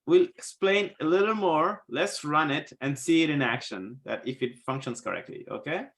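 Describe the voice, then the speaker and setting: A man teaching a live coding class, patiently walking students through code step by step, a bit hoarse as he loses his voice. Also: on the high side, expressive, normal speed, fairly bright tone. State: losing his voice, coughing. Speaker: coding instructor.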